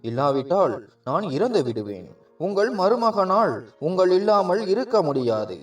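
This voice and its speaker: A man's voice: high-pitched, sing-song, unhurried, distant mic, soft background music. A man voicing a grieving young nephew in a storybook, desperate and devoted.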